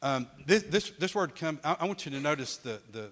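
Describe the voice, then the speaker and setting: A man's voice: on the high side, animated, a little fast, fairly bright tone, a little hiss or hum. A middle-aged man teaching a Bible class in a conversational way, often restarting words and putting questions to his listeners.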